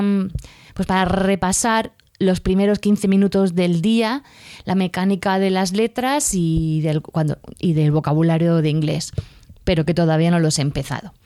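A woman's voice: fairly low pitch, steady tone, normal speed, a little mellow, no echo, clean studio sound. A woman teacher, talking casually in a podcast monologue, rambling with fillers and self-corrections. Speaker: primary school teacher podcaster.

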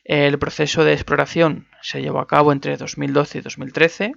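A man's voice: fairly high pitch, level tone, moderate pace, vocal fry, fairly bright tone. A man from Spain giving casual, digressive commentary on energy for a podcast, full of fillers and self-corrections. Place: on the move, away from his usual setup. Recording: dull, lo-fi, dry sound.

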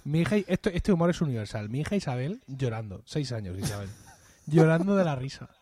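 A man's voice: medium pitch, very animated, brisk, darkish tone, slightly rough, no room sound. A man co-hosting a casual podcast chat, talking in an enthusiastic, chatty way and laughing often. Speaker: podcast co-host.

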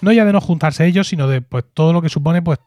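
A man's voice: a little high, quick pace, dark tone, no echo. A man from co-hosting a podcast in casual chat, jokey and chatty, often restarting his words. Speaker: podcast co-host.

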